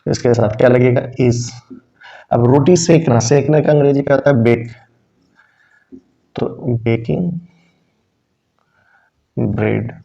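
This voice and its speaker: Male English tutor, patient step-by-step explainer, darker mellow tone, dull lo-fi sound. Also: medium pitch, takes it slowly, creaky, long pauses. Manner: asks questions and answers them himself. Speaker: English teacher. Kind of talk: spoken English lesson explained in Hindi. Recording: dull, lo-fi recording.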